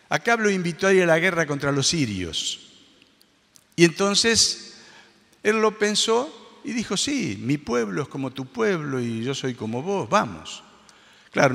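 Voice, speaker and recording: A man's voice: fairly high pitch, creaky, fairly bright tone. A male pastor preaching a sermon, telling a story and acting out the voices of its characters. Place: church hall. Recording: long hall reverb.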